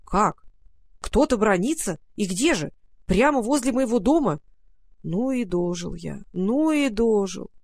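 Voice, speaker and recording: A storyteller voicing an old, grumbling, soft-hearted male raccoon who sighs and mutters fussily. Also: mid-range voice, animated, measured pace. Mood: dismayed. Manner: sighing, fussy muttering. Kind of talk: storybook reading.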